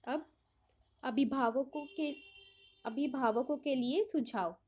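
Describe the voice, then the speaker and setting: High-voiced woman teaching young children. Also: husky. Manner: reads English lines slowly, then explains in Hindi; asks questions and answers them herself. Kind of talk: explaining a worksheet to young children.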